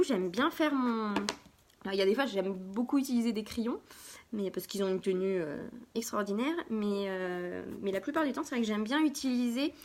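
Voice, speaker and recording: Woman host, fairly high voice, chatty live makeup tutorial, half-murmured asides while she works, self-mocking. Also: slight background noise. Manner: chatty, talks while applying makeup, drops to a soft murmur when concentrating. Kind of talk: casual makeup tutorial chat.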